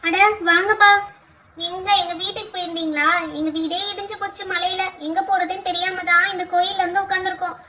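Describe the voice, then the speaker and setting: A woman's voice: extremely high pitch, level tone, a little fast, sharp tone. A woman voicing a grieving village mother who has lost her home, lamenting and pleading in a doll pretend-play show. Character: grieving village mother, homeless after rain.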